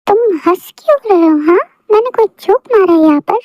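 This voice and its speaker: A woman's voice: very high voice, a little fast, no room sound, pitched above the performer's own voice. A woman voicing a bossy, sulky young wife who scolds and teases her husband in a fan audio story. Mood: scolding. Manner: scolding, pouty, dramatic. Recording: dull lo-fi dry recording.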